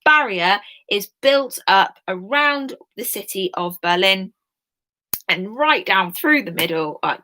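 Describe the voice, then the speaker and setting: This young woman teaches history in a loose, chatty way, breaking off into asides and filling gaps with ums. Her voice is bright and forward. She sounds relaxed and informal. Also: medium pitch, takes it slowly. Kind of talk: casual recorded history lesson.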